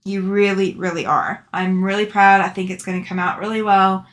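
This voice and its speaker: A woman's voice: mid-range voice, fairly even intonation, moderate pace. A chatty woman hosting a sewing livestream, talking casually and affectionately to viewers as she answers their comments. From Alabama, southern US. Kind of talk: casual chat, reading out and answering live comments.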